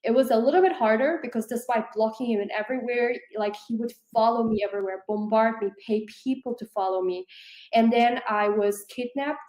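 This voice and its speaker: A Korean-born woman in her thirties, raised in Switzerland, earnestly tells her life story as an interview guest, speaking fluently but with lots of "like" fillers. Her voice is a little high and darkish, and she talks fairly quickly. The recording is rough and reverberant.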